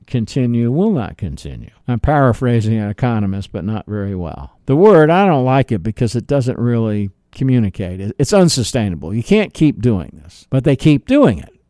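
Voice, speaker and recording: A man's voice: mid-range voice, sing-song, normal speed, few pauses, dark tone, no room sound, clean studio sound. A middle-aged man from the United States hosting a political commentary monologue, emphatic and full of rhetorical questions. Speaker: radio talk show host.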